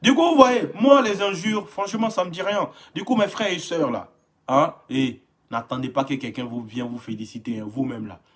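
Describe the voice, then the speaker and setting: A man's voice: on the high side, normal speed. A young man hosting a live stream, ranting casually with lots of repetition and mimicking his commenters.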